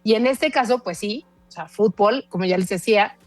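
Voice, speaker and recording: A woman in her forties with a Mexican accent, a guest speaking in an animated, emphatic way on a casual podcast. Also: mid-range voice, brisk, dry recording, soft background music. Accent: Mexican Spanish. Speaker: guest language expert.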